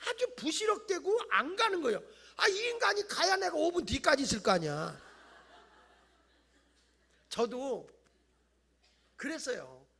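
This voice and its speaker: Middle-aged korean pastor man preaching loud and lively, bright sharp gravelly voice, goes up and down a lot. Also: extremely high pitch, measured pace, pauses often. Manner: animated, acts out voices of people he tells about, mock-whines and shouts. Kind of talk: Friday night revival sermon. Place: church sanctuary.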